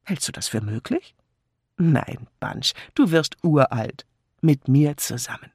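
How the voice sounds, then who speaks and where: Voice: mid-range voice, animated, slow, darkish tone, husky, no echo, clean studio sound, voice pushed up, exaggerated voice. A reader voicing a cheerful, chatty vicar's wife who gushes in a bubbly way, in an audiobook. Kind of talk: audiobook character voice.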